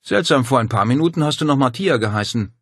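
A man voicing a young policewoman, raising his voice a little and speaking briskly and skeptically. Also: medium pitch, lively intonation, a bit bright, slightly rough, no echo, studio quality, voice pushed up. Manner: brisk, skeptical, matter-of-fact. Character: police officer, young woman, determined and dry-witted.

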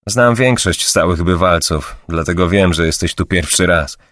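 A man's voice: sits low, normal speed, fairly bright tone, no room sound, studio quality. A man playing a talkative young bartender who likes to gossip, in an audiobook. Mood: friendly. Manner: gossipy, eager to talk.

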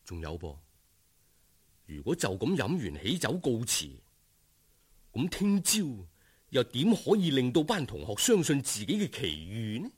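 This is dramatic, scripted folk-tale narration by a male Cantonese storyteller. He sounds husky, his pitch rising and falling broadly, and his unhurried delivery savours every descriptive detail with plenty of expression.

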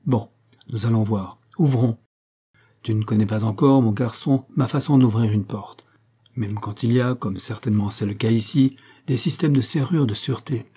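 Man doing a stern detective boss, scornful, commanding, mellow husky voice. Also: mid-range voice, normal speed, close to an everyday voice. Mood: taunting. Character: commanding male detective posing as gang chief, cold, stern.

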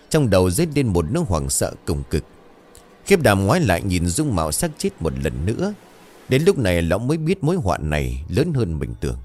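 A man reading a horror story aloud in a dramatic, expressive narration. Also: fairly low pitch.

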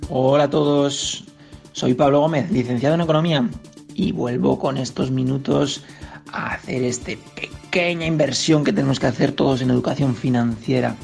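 A man, a financial planner, giving clear, didactic advice in a radio segment. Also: mid-range voice, a little mellow. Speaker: financial planner, section host.

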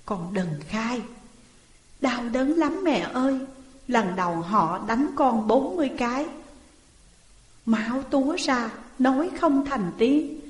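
A woman's voice: mid-range voice, takes it slowly, few pauses, lightly acted. A woman voicing a young daughter wrongly jailed and pleading in anguish. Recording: roomy hall reverb.

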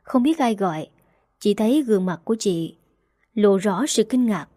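A woman reading a first-person romance audiobook in a steady, even way. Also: mid-range voice, moderate pace, no echo, clean studio sound. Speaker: narrator.

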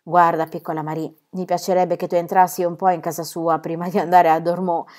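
A woman's voice: fairly low pitch, little pitch movement, fairly quick, darkish tone, close to an everyday voice. Woman reading as a tender-hearted peasant father. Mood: gentle.

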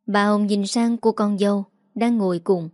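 A woman's voice: mid-range voice, fairly even intonation, normal speed, darkish tone, dry recording, clean studio sound. Woman, narrating. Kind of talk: audio story narration.

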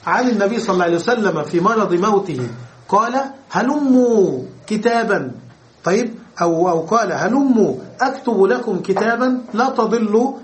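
Guy teaching grammar, fairly high voice, keeps rephrasing stuff and asking if you got it. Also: slight background noise. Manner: repeats and rephrases terms to explain them, checks understanding. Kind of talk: explanatory grammar lecture.

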